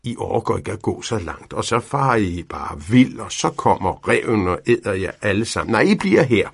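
Man playing patient old inventor, storybook, gravelly, hesitant pauses. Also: fairly low pitch, big pitch swings, no room sound, full character voice.

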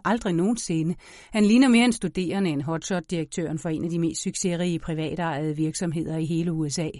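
A woman narrating an audiobook in a measured, expressive storytelling manner. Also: lowish voice, no room sound, clean studio sound.

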